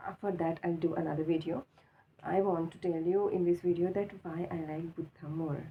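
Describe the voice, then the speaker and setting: A woman with an Indian accent giving a casual, halting, unscripted opinion monologue, repeating herself for emphasis, just awake with a swollen mouth. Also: lowish voice, fairly even intonation. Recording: tinny phone-like sound with faint noise.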